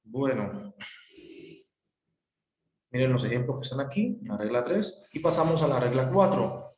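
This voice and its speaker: A man's voice: mid-range voice, animated, a little slow, a little mellow, slight background noise. A man teaching a grammar lesson, patient and repetitive, spelling out letters one by one. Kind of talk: recorded classroom explanation. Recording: echoey room.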